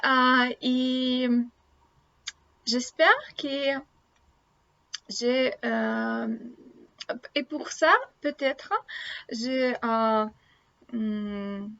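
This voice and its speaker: A woman in her thirties from Russia, a native Russian speaker with a Russian accent, talks casually to camera in learner French, haltingly searching for words. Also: high-pitched, gravelly, sharp tone. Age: 30s. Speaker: language-learning vlogger. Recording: dull lo-fi sound.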